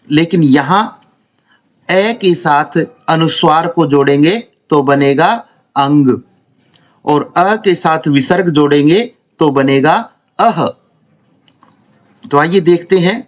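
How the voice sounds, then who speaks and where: A man teaching a grammar lesson, explaining slowly and repeating syllables one by one. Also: fairly high pitch. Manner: slow, deliberate, repeats and spells out syllables.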